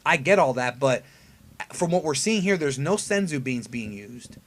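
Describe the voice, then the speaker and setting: A man's voice: medium pitch, animated, moderate pace. A man hosting casual, conversational fan commentary on an anime episode preview, emphatic and given to rhetorical questions. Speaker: anime review video host.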